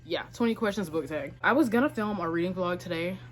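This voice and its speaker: A woman book vlogger talks casually to camera in a lowish, animated voice, speaking fast. She's informal and emphatic, often correcting herself with little asides.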